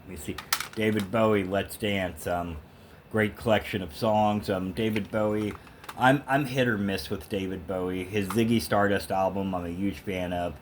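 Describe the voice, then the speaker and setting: With a fairly low pitch, steady tone and moderate pace, this vlogger rambles to the camera about music he picked up at a thrift store. He's casual, emphatic and full of opinions, and the recording carries a little hiss or hum.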